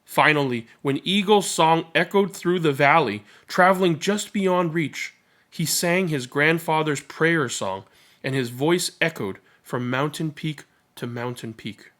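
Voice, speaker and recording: Reading children's stories aloud, this storybook reader and channel host mixes narration with casual commentary. His voice is on the high side and fairly bright, and he speaks a little slowly.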